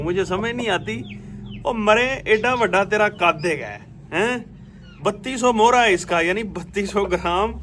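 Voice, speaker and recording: A man talks chattily with a high voice, addressing viewers and now and then his birds. He is recorded outdoors on a camera mic. A faint background noise sits under the voice. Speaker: bird keeper showing his birds. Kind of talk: casual vlog talking to viewers. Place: outdoors at bird pens.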